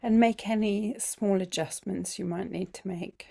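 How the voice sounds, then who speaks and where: A woman guiding a body scan meditation, speaking gently with frequent ums and some softly whispered phrases. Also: medium pitch, steady tone, measured pace, creaky, breathy edge. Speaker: breathwork and mindfulness teacher.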